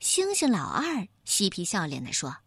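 A woman narrating a children's storybook in a slow, expressive storytelling manner. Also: mid-range voice, creaky, slightly rough, no room sound, clean studio sound.

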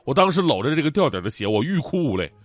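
Animated joking man telling a story. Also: a little high, rapid-fire, no room sound. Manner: animated, joking, laughing often. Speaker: host. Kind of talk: comedic storytelling.

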